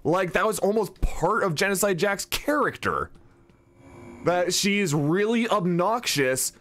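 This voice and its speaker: A man streaming a video game, commenting casually in a joking, swearing, animated way. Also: a little high.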